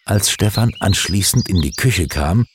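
A man reading a children's story aloud with expressive, dramatic storytelling. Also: deep voice, a little slow, slight background noise.

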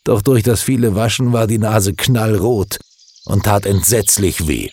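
A man reading a children's story aloud with expressive, dramatic storytelling. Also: lowish voice, a little slow, a little hiss or hum.

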